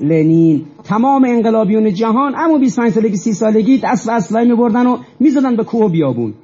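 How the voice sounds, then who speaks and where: A man's voice: a little high, dark tone, husky, highs cut off. A man giving an impassioned speech to an audience, emphatic, asking rhetorical questions and repeating phrases for force. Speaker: lecturer.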